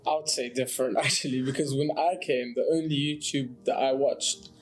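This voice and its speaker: A man's voice: mid-range voice, steady tone, brisk, rough recording. A young man from Jordan, a student, chatting casually and telling stories with many restarts. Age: young adult. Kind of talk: casual discussion.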